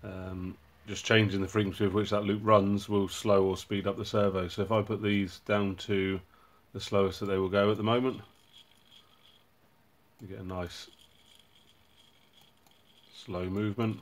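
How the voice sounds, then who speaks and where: A man with a low voice explains his own project in a casual, unhurried way. His delivery stays level and even, and he often pauses on ums and uhs while he works through the details. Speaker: robotics hobbyist channel host.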